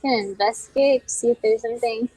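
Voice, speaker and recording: A woman's voice: a little high, a little fast, mellow, slightly rough, dry recording, poor audio. A woman playing a tabletop game, chatting casually and playfully as she describes her character's actions.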